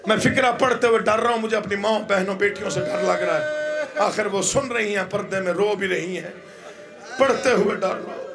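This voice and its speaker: A man's voice: sits high, a little fast, vocal fry, very noisy. A man reciting a mourning majlis at an imambargah gathering, impassioned and crying out in rising wails.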